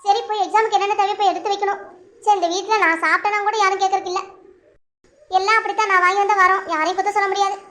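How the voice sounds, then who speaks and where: A woman's voice: very high-pitched, fairly even intonation, rapid-fire, bright, forceful tone. A woman voicing an anxious young wife in a cartoon, pleading and worried. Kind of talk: cartoon voice acting.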